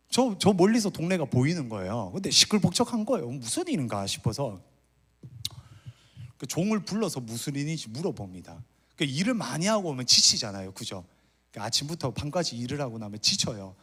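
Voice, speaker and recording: A pastor with a fairly high, breathy-edged voice preaches a sermon at a church retreat hall, speaking fairly quickly. He tells the story in an animated way and acts out the characters' complaints, including the older son's.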